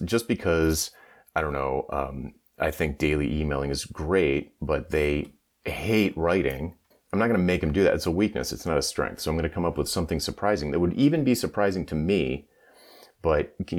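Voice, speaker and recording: A man hosting a podcast in casual, informal talk, often acting out quotes, sounding like he is talking through a tin can on the wrong microphone. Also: rumbling low. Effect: tinny tin-can sound from wrong microphone. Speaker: podcast host.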